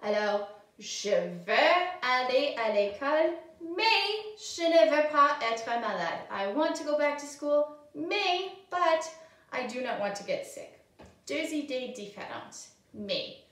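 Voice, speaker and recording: Woman teacher, very slow careful speech, higher voice, repeats words, echoey room from far off. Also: sing-song, fairly bright tone. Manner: slow and clear, repeating words and switching to English translations. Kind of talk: slow, simple French lesson for children.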